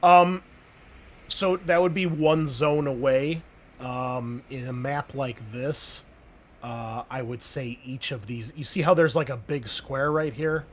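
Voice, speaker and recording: A man acts as game master, running a tabletop game over a call. His mid-range voice is fairly even in intonation and slow, with a little hiss or hum, and he talks loosely and chattily, full of "like" and "um."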